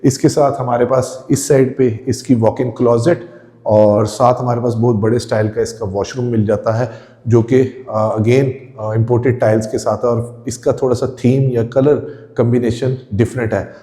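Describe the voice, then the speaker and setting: A man's voice: medium pitch, steady tone, moderate pace, warm tone. A man walking viewers through an empty house, describing each room with enthusiasm and speaking straight to the audience. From Pakistan. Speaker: real estate tour host. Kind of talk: walkthrough house tour narration. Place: indoors, empty house rooms.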